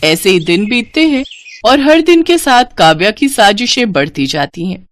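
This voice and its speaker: Lively, expressive woman storyteller. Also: mid-range voice, normal speed. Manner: expressive, switches voices for each character. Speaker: narrator voicing all characters. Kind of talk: storybook narration.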